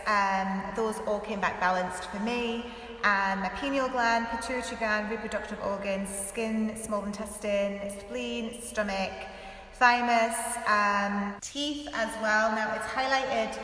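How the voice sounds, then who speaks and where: A woman's voice: medium pitch, a bit bright. A woman vlogger talking casually and informally to her followers, often saying "like", in a big echoey room. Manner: chatty, informal, frequent "like" as filler. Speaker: health vlogger and author. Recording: big echoey room, distant mic, faint hiss.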